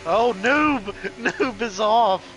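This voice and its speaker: A young man chatting casually and laughing often with teammates while sim racing, with excited callouts. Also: high-pitched, extremely slow, faint music behind. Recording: noisy game audio behind voice chat.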